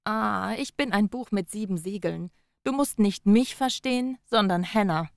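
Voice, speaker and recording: A man's voice: high voice, moderate pace, gravelly, smooth, no echo, clean studio sound, pitched above the performer's own voice. A man voicing a teasing young woman. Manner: teasing, wry. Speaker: audiobook narrator voicing a character. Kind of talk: audiobook character voice.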